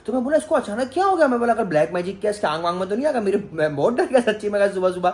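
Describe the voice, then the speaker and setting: A man hosting a casual home vlog, telling a story in an animated way and often calling viewers "guys". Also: high voice, very fast. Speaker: vlogger host.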